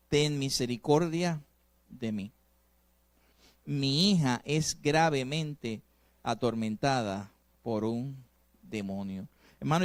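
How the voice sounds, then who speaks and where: A male pastor delivering a sermon, preaching emphatically and swinging between loud and soft passages while asking the congregation rhetorical questions. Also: fairly high pitch, clear, resonant tone, no room sound.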